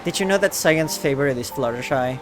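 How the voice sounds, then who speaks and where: A man's voice: mid-range voice, a little fast. A man streaming a game, chatting casually in a hesitant way with frequent stammers. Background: game music.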